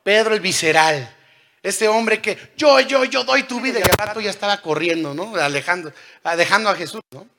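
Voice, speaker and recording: A man in his thirties preaching a sermon, who swings between loud calls and hushed lines and puts questions to the congregation. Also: high voice, moderate pace. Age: 30s.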